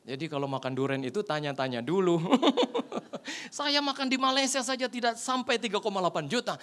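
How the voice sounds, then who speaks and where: In a church, a male pastor with a high-sitting voice preaches a humorous sermon at a brisk pace. He is animated, telling a story and acting out the voices of the people in his anecdotes.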